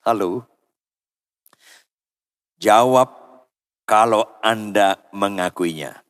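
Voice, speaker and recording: A man from Indonesia preaching a sermon as pastor in a church, swinging from loud cries down to low murmurs and calling out to the congregation for answers. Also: very slow. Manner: asks the congregation for responses. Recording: long church hall reverb.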